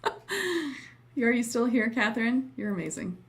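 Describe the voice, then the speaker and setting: A woman's voice: a little high, very animated, a little slow. A woman hosting a casual livestream as a teacher, chatting with viewers in an informal, giggly, effusive way. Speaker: host and trance channeling teacher.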